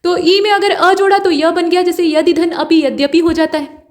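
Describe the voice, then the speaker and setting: High-voiced woman teaching grammar. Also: steady tone, moderate pace, darkish tone. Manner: explains step by step, repeats key points. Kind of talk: exam-prep grammar lesson.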